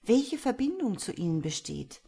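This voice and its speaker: A woman reading a brisk veteran lady detective. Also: on the high side, big pitch swings, creaky, mellow, husky, pitched above the performer's own voice, exaggerated voice. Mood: frustrated. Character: seasoned female police detective, brisk and earnest.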